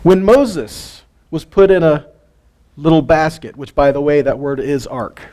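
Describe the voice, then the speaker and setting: In a warm voice pitched on the high side and at a measured pace, a male teacher runs his weekly Torah study. The Bible teaching is informal and conversational before a live group, with questions to listeners and chuckles between points.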